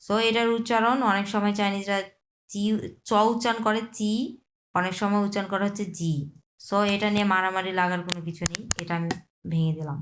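A woman's voice: mid-range voice, little pitch movement, fast, a little hiss or hum. A woman teaching a beginner Chinese class, patiently repeating and breaking down each word, mixing in English terms. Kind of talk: explaining Chinese vocabulary in Bangla.

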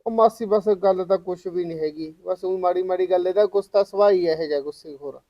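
A man plays a young village brother who agrees eagerly and pleads with his sulking sister. His voice is high and quick. It sounds dry and close. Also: dry recording, lo-fi sound, close to an everyday voice. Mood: pleading.

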